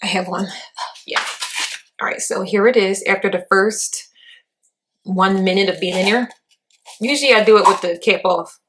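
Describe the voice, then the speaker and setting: A woman's voice: mid-range voice, steady tone, normal speed, pauses often, noisy background. A young woman, chatting loosely through an at-home beauty tutorial in her kitchen and swearing casually. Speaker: beauty vlogger.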